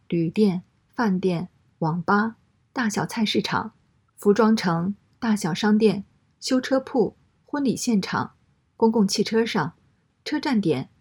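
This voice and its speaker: A woman reading a first-person story aloud in a steady, matter-of-fact way. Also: medium pitch, husky.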